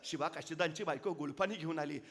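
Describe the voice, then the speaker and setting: A man's voice: fairly high pitch, fast talker, a bit bright, big-room sound. A man giving an impassioned public speech full of dramatic storytelling. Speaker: public speaker. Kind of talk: oration.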